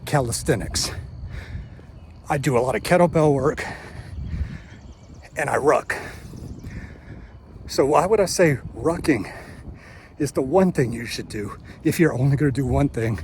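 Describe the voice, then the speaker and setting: A man in his fifties talking casually to camera during outdoor exercise, out of breath and speaking with a missing front tooth. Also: a little high. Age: 50s. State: winded, out of breath. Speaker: fitness vlogger. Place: outdoors on a walking route. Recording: outdoor noise, passing vehicle sounds.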